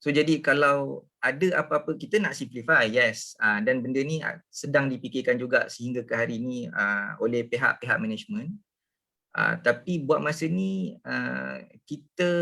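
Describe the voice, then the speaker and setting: Malaysian male finance officer with a gravelly, bright tone, hesitant delivery over a video call. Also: medium pitch. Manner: hesitant, many drawn-out fillers. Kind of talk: answering questions in an online business talk.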